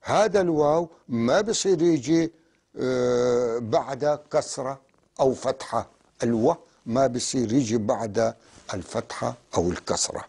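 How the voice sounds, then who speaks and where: A man teaching a language lesson, spelling out sounds slowly and deliberately. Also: mid-range voice, vocal fry, darkish tone, husky. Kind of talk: classroom lesson.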